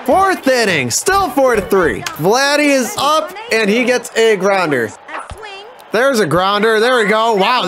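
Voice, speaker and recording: A man giving live commentary over his own baseball video game, excitable and swearing, often yelling at his players. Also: high voice. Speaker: gaming YouTuber.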